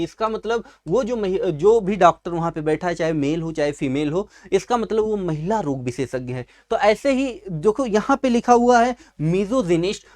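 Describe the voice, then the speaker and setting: A male teacher with a high-pitched, slightly mellow voice gives a vocabulary lesson for exam prep at a writing board in a class video. Speaking fondly to his students, he asks questions, answers them himself, and repeats the important words.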